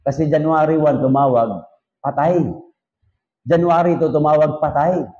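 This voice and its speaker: A man with a Filipino accent teaches his congregation like a pastor, peppering the lesson with joking asides and rhetorical questions. His voice sits a little high for a man. The recording is dull and lo-fi. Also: fairly even intonation, moderate pace, dark tone. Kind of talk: sermon-style teaching to a congregation.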